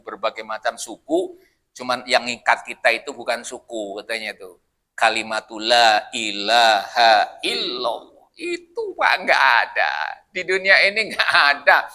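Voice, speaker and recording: A male preacher leading a Quran study in a mosque, with a very bright, forceful voice pitched a little high. He jokes and keeps asking his listeners questions, talking loosely and conversationally. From Indonesia. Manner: jokey, asks the congregation questions, loose conversational.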